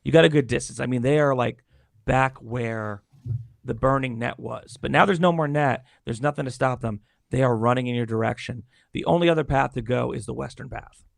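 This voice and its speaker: A man's voice: medium pitch, a little fast, creaky, dry recording, studio quality. A man narrating as game master of a tabletop game in a playful, loose way, with frequent restarts.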